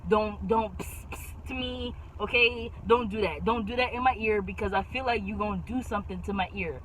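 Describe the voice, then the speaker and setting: A young woman vlogging in a casual chat, animated and slangy, leaning hard on "bro" and "like.". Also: mid-range voice, brisk, a little hiss or hum, low-quality recording.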